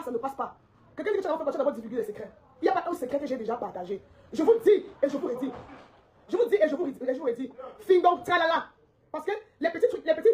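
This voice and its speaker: A woman's voice: high voice, darkish tone. A woman delivering a heated, confrontational social media rant, repeating her points and laughing mockingly.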